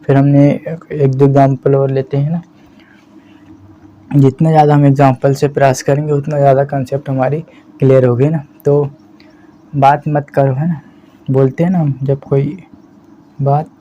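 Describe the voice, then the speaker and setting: A man teaching spoken English in Hindi, explaining slowly and checking in with "है ना" again and again. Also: mid-range voice. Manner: slow, repeats "है ना" as a steady check-in. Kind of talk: explaining a language lesson in Hindi. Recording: slightly dull lo-fi audio with faint background hiss.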